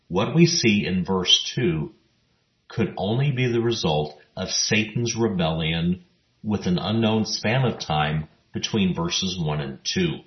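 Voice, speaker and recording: A man with a very low voice delivers scripted Bible teaching at an unhurried pace. He reads the scripture passages in a measured, even manner. The sound is roomy and a little muffled. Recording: roomy, dull lo-fi recording.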